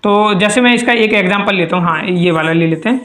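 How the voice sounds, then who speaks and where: A man's voice: high-pitched, a little fast, fairly bright tone, slight background noise. A man teaching English grammar in a patient, repetitive way. He keeps quizzing his students and checking in with "okay?". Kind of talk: classroom lecture. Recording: echoey room.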